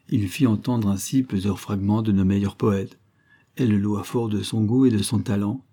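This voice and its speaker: A man narrates a classic short story in a measured, even reading. His voice sits low and sounds dark and husky, unhurried and steady. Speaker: audiobook reader. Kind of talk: literary narration.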